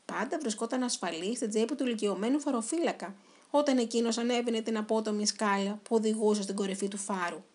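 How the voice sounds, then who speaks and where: A woman narrating a children's storybook in an expressive, dramatic way. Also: fairly high pitch.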